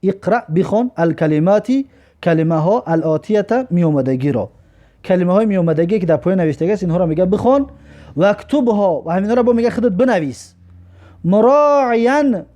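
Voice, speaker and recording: A man with a Tajik accent teaching a recorded language lesson. He reads each word slowly, then explains its meaning in a lower voice. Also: warm tone, dull audio. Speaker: Arabic teacher.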